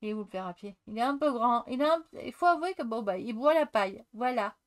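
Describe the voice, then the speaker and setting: Middle-aged woman, casual crafting chat, fairly high voice, thinking aloud with many fillers. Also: lively intonation, quick pace. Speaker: crafting video host.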